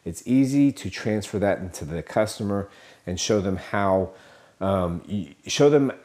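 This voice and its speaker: A man with a somewhat low voice talks alone into a podcast mic, coaching car salespeople. He rambles and restarts often, packing in fillers and self-corrections. He keeps a motivational tone and calls his listeners guys. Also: expressive, a little slow, a little mellow. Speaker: podcast host. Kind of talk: casual podcast monologue.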